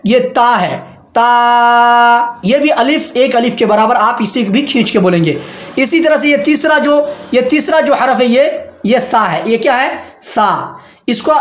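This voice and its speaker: A man teaching Arabic letter pronunciation in an online lesson, patient and repetitive, drawing out each letter sound slowly. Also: extremely high pitch, a bit bright, echoey room.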